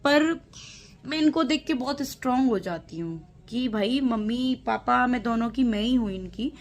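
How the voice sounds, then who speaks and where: A woman's voice: a little high, moderate pace. A woman talking straight to camera, speaking with indignation and lecturing her critics. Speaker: vlogger. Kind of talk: direct-to-camera reply to critics.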